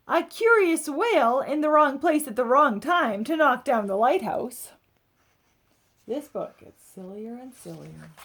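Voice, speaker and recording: With a high-pitched voice, she reads a picture book to a group of children, giving the story expressive, dramatic weight and pausing for friendly asides.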